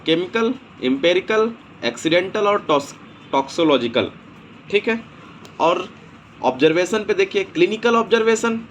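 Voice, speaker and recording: A male homeopathy teacher giving a recorded lecture, explaining slowly and checking in with "okay" after each point. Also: on the high side, fairly bright tone, slight background noise. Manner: explanatory, repeats points with frequent "ठीक है".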